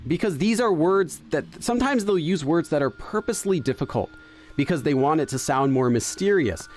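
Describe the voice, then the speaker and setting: A man with a fairly high, slightly mellow voice speaks animatedly and at a quick clip, with faint music in the background. He hosts a gaming channel and thinks aloud in casual let's-play commentary, hesitating with fillers and restarts as he translates for himself. English is his first language.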